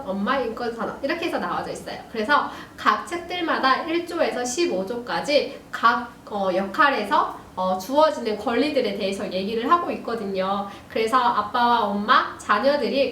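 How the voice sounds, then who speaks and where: A high-voiced woman teaching young students in a gentle, patient way. She is heard from a distance, with a roomy echo and a faint hiss. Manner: gentle, addresses students warmly, frequent "ja" fillers. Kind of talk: recorded lesson for young students.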